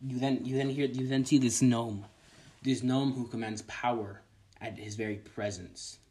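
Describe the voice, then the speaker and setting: A man's voice: mid-range voice, fairly even intonation, moderate pace, dark tone. A man running a tabletop game as game master, narrating animatedly with frequent restarts.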